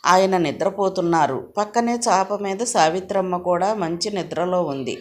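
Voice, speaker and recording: A woman narrating a novel aloud in a measured, expressive reading. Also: fairly low pitch. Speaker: audiobook narrator.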